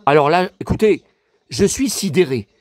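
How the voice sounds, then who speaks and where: A man talks straight to his viewers in a casual home vlog, rambling and indignant, tripping over fillers and restarts. His voice sits high and leaps around a lot. The sound is close and dry, with no room echo. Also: expressive, moderate pace, darkish tone. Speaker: YouTuber.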